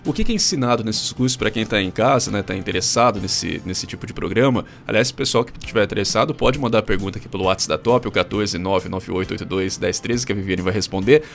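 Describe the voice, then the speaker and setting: A man with a Brazilian Portuguese accent hosting a radio show, asking a guest questions and giving the listener contact line briskly. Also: fairly low pitch, gravelly, fairly bright tone, faint music behind. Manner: brisk, announces the show's contact details. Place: radio studio.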